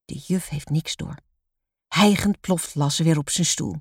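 Woman storyteller, slow and measured, low-pitched children's book reading. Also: breathy edge, no room sound, clean studio sound.

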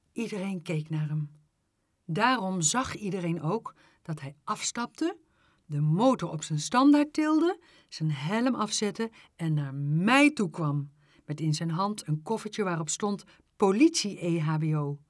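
Female storyteller for a children's book: slow, expressive reading, dry close sound. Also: no room sound. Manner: unhurried expressive reading, lively pitch on exclamations.

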